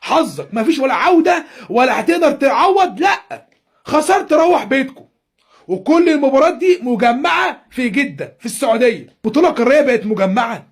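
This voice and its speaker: A man's voice: extremely high pitch, sing-song, fairly quick, husky. A man with an Egyptian accent rants indignantly about a football tournament. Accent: Egyptian Arabic. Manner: indignant, outraged. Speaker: football fan commentator. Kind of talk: indignant fan rant.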